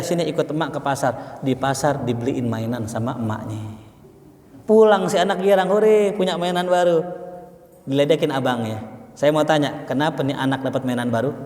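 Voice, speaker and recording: A man preaching a humorous sermon, acting out little dialogues and quizzing the audience. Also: fairly high pitch. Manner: jokey, acts out little dialogues, asks the audience questions. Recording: echoey hall, distant mic.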